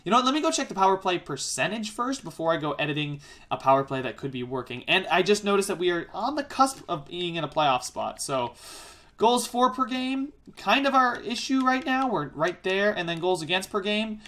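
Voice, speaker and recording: Fast-rambling man commentating his game. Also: sits high, sing-song, sharp tone. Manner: rambling, self-correcting, exasperated musing; fast-talking. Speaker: gaming YouTuber. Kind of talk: let's-play gameplay commentary.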